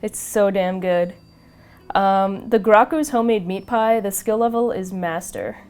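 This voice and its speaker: A woman's voice: mid-range voice, measured pace, a little mellow, clean tone. A woman with a New York accent co-hosting a casual podcast chat, rambling and laughing often. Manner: giggly, rambling, lots of fillers and restarts. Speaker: podcast co-host.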